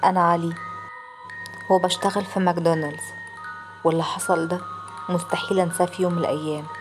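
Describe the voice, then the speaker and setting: A woman with an Egyptian Arabic accent tells a first-person horror story from a script. She talks fast in a lowish voice. Loud music plays underneath the whole time. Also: little pitch movement.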